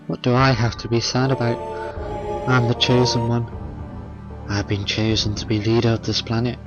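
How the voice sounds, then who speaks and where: A man reading a video game villain's lines in a creepy, slow, menacing voice over game music. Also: medium pitch, flat delivery, natural voice. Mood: scornful. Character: creepy, arrogant male villain, self-proclaimed chosen one. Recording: game music playing behind.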